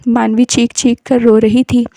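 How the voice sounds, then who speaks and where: A woman narrating an emotional story in a slow, scripted storytelling manner. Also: on the high side, flat delivery, warm tone, no echo.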